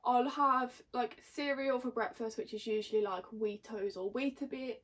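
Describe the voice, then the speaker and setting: A woman's voice: a little high, steady tone, moderate pace. A young Englishwoman chatting casually to camera in a giggly, tipsy, rambling and slangy way. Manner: rambling, slangy, self-mocking. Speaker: vlogger.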